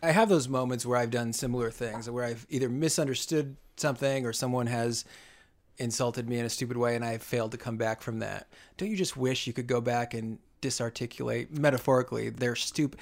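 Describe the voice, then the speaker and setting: A man's voice: mid-range voice, fairly even intonation, fairly quick. A man co-hosting a podcast in casual chat, telling a reflective story and laughing often. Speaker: podcast co-host.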